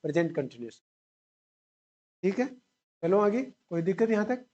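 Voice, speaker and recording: A man's voice: sits high, animated, normal speed, mellow, dull audio. A male teacher explains grammar rules at a classroom whiteboard in an exam-prep lecture. He keeps posing questions and answering them himself, repeating each key term as he drills the class. He weaves English grammar words into his explanation. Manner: mixes English grammar terms into Hindi explanation.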